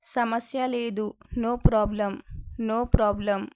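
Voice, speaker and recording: A woman with a Telugu accent teaching spoken English, saying each short phrase twice, slowly and distinctly. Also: fairly high pitch, flat delivery, a little mellow, smooth, no echo. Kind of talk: slow repeat-after-me phrase drill.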